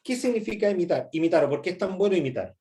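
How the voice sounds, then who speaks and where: A middle-aged man with a Chilean accent, teaching a presentation skills workshop, often checking in with "¿sí?" and filling pauses with "eh". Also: sits high, animated, warm tone. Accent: Chilean Spanish. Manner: frequent "¿sí?" checks and "eh" fillers. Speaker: workshop instructor.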